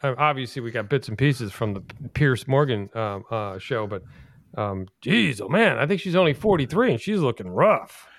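A man's voice: medium pitch, animated, normal speed, no room sound, clean studio sound. A man hosting a casual podcast chat, rambling with restarts and fillers. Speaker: podcast host.

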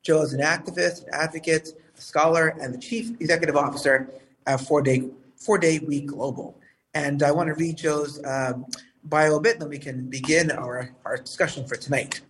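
A man hosting a live talk show, heard over a phone, speaking in a formal, measured way with some fillers. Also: fairly high pitch, fairly even intonation, a bit bright, far from the mic, poor audio.

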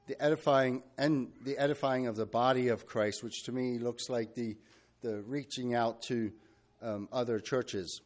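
A man preaching a sermon, talking freely with fillers and restarts, and reading scripture in a steady measured cadence. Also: mid-range voice. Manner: unscripted and searching, with restarts and fillers.

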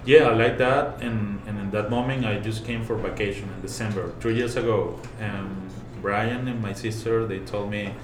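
Venezuelan man, brewer, low-ish voice, halting second-language English; echoey room, noisy background. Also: fairly even intonation. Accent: Venezuelan Spanish. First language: Spanish. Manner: halting, searching for English words. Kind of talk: casual interview answers. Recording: roomy sound with background noise.

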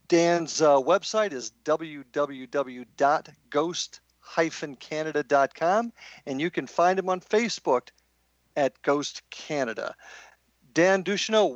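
Male American talk radio host, halting and deliberate, close dry sound on lo-fi audio. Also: fairly high pitch, no echo. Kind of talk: hosting a paranormal talk radio interview.

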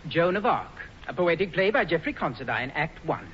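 A muffled vintage radio comedy recording. a shy, earnest young poet, high-pitched and lilting, formal and hesitant in his delivery. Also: expressive, normal speed, a bit bright. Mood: earnest reciting. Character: timid, polite, earnest young male poet. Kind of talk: 1940s radio comedy acting. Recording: muffled old radio broadcast, faint noise.

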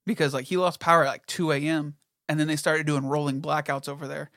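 A man's voice: on the high side, flat delivery, quick pace, fairly bright tone, no echo, studio quality. Profane man telling a casual story. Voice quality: profane, storytelling with quoted voices. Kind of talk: casual chat.

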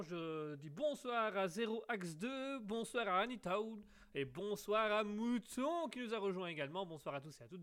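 A man's voice: high voice, a bit bright. Playful, rambling man hosting a radio show. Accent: slight English accent. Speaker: radio host. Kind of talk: live call-in show hosting.

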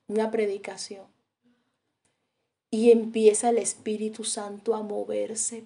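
A woman preaching a sermon dramatically, dropping to hushes and rising to loud cries, and acting out the people in her stories. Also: on the high side. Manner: acts out quoted voices in storytelling.

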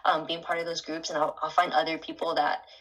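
A woman's voice: deep voice, flat delivery, a little fast, fairly bright tone, poor audio. A woman being interviewed about her experiences, chatting casually with many "like"s and "um"s. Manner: chatty, lots of "like" and "um", with restarts. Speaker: interview guest.

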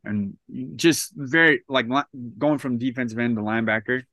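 A man's voice: medium pitch, normal speed, bright, forceful tone, no echo. A man in his thirties, a podcast guest, telling his story in a casual, rambling way with lots of restarts. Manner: rambling, many restarts and "like" fillers.

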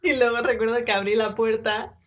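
Mujer española contando anécdotas animada. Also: female voice, on the high side, fairly quick. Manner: animated, acts out quotes with laughter. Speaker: podcast co-host. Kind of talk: casual storytelling chat.

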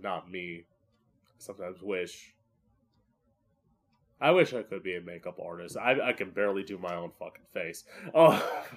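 A man who hosts a podcast as a drag queen, rambling solo in a campy, profane, self-mocking way. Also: lowish voice. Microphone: podcast microphone, live streamed.

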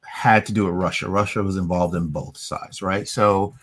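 A man's voice: low-pitched, fairly even intonation, moderate pace, a bit bright. A middle-aged man hosting a casual movie review, talking in a rambling way with many fillers and restarts. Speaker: podcast host.

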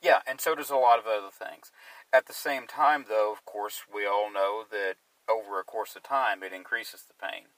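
Guy who's a drug counselor, bright forceful voice, kinda off-mic in a dry room, thinks out loud. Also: fairly low pitch, steady tone, moderate pace, dry recording, distant mic, low-quality recording. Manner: conversational, sarcastic at times, searching for words. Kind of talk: casual discussion.

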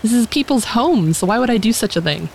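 A woman's voice: fairly high pitch, lively intonation, fast talker, vocal fry, a little mellow, pitched above the performer's own voice. Girl playing a defiant good-hearted adventurer in a tabletop game, questioning, emphatic, faint rain sound. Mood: defiant, indignant. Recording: faint rain noise behind.

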